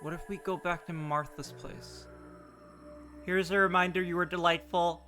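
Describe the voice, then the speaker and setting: Casting: male game streamer, slightly high voice, chatty and wry casual commentary over game music. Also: fairly even intonation, normal speed, pushed and bright.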